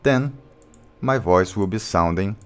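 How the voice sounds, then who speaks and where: Expressive and slow, a producer with a low voice takes viewers through a beat step by step, his English slightly non-native. The casual screen-recorded tutorial is very noisy, with beat music behind him.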